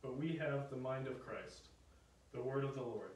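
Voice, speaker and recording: A young adult man reading scripture as a lector in a solemn, measured, formal way, in a chapel. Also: medium pitch, darkish tone. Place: small chapel indoors. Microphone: picked up from afar. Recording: echoey chapel, distant microphone.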